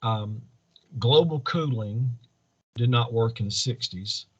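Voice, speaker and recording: The recording is lo-fi, and the man's husky mid-range voice moves slowly. In this campaign interview he responds as a political candidate, making earnest, sermon-like statements that pile up through repeated parallel wording.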